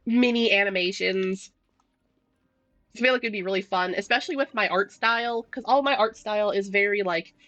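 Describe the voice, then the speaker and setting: A woman's voice: medium pitch, pushed and bright, no echo, dull audio. A young woman streaming a game, telling stories in casual rambling chat with lots of fillers and restarts. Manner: chatty storytelling, many fillers and restarts, laughs often.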